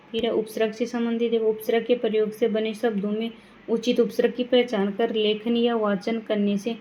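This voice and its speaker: A woman teaching a grammar lesson, reading words one by one and adding quick reminders to her students. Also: a little high, a little mellow, lo-fi sound. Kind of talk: classroom lesson reading word lists.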